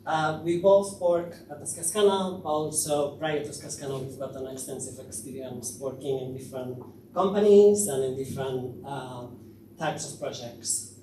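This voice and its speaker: A man from Spain giving a conference talk, pausing often with fillers as he presents. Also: mid-range voice, dark tone. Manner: hesitant, many fillers. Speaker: conference speaker. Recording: echoey hall, distant mic, noisy.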